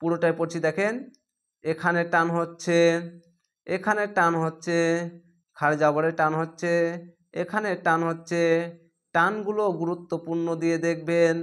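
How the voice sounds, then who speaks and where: A man teaching Quran reading, with a Bangladeshi Bengali accent, spelling words letter by letter and slowly stretching the recited words. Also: on the high side, a bit bright, smooth.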